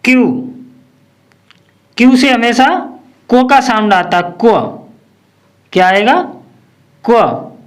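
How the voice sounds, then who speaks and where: A teacher giving a phonics lesson, slowly asking questions and repeating each word for the class. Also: mid-range voice.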